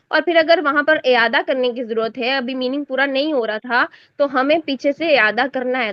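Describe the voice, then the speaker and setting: A high-pitched woman teaches a class on Quran recitation. She explains each point step by step and keeps checking that her students understand. The recording is dry and a little dull. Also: no room sound. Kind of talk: class lesson explaining exam answers.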